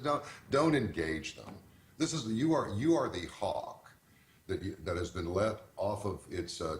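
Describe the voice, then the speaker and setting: A middle-aged man, a radio host, giving folksy, animated advice in conversation and acting out callers as he goes. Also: low-pitched, roomy sound, slight background noise. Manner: folksy, animated storyteller who acts out callers.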